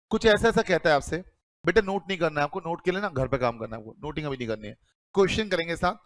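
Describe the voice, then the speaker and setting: Guy teaching accounts to a class, kinda high voice, dry close sound, keeps quizzing the kids and answering himself. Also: no echo. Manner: calls students "beta", asks and answers his own questions. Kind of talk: classroom lecture.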